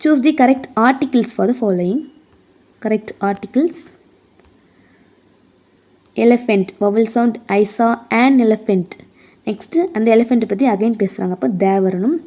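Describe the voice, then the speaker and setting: A woman with a Tamil accent teaching an exam prep lesson, reading English questions slowly and explaining them in quick Tamil. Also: a little high, dark tone.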